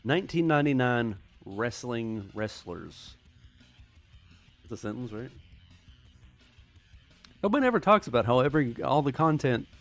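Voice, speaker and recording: Animated, rambling American guy. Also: mid-range voice, normal speed, pauses often, soft background music. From United States. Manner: rambling, sarcastic, self-deprecating. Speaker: YouTube host. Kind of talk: casual commentary.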